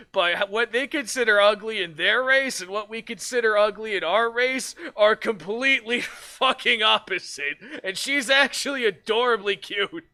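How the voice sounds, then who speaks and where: A man's voice: high-pitched, bright, forceful tone. A man streaming as a virtual streamer in casual chat, laughing often, swearing freely and rambling with restarts.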